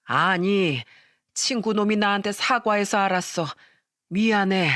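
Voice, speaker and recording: A man voicing a gentle, soft-hearted father who comforts his grown daughter in a scripted audio drama. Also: high voice, measured pace, no echo, studio quality. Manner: gentle and apologetic.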